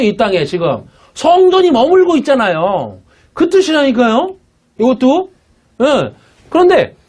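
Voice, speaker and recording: A man's voice: very high voice, darkish tone, slightly rough. A man preaching a sermon as pastor, emphatic and blunt, often asking the congregation "예?" to check they follow. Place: church worship room.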